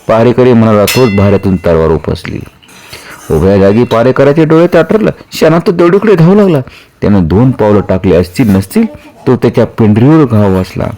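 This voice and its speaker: A man's voice: mid-range voice, dark tone, a little hiss or hum. A man reading a historical novel aloud as a storyteller, narrating dramatically and voicing the dialogue.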